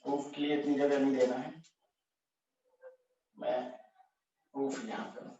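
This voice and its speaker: A man's voice: medium pitch, level tone, measured pace, warm tone. A man teaching a physics lesson, working through steps at a board, thinking aloud, correcting himself and checking with the class. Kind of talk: explaining at a whiteboard. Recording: echoey, distant, dull lo-fi room sound.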